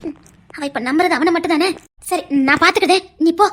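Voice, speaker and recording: A stern, scheming aunt, voiced by a woman, hands down orders in a low, deliberate voice. Her Tirunelveli Tamil accent gives the comedy serial a village flavor. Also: fairly bright tone. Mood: firm. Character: stern scheming middle-aged aunt, head of family.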